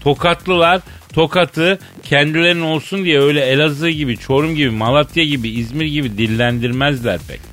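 Bright-voiced man spinning comic tales. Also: a little high, a little fast, hardly any pauses, soft background music. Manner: rambling, deadpan tall-tale telling. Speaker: radio comedy host. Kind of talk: comic storytelling.

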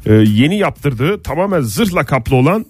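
Man, morning radio co-host, deadpan joking, studio mic, faint music behind. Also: fairly high pitch, a little slow, husky.

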